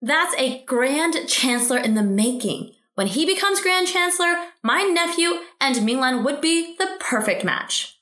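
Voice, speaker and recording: A woman voicing a gloating, pushy middle-aged mother-in-law who talks down to people with a smug, drawn-out "mm". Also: high-pitched, expressive, a bit bright, voice pushed up. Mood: boastful. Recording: roomy echo.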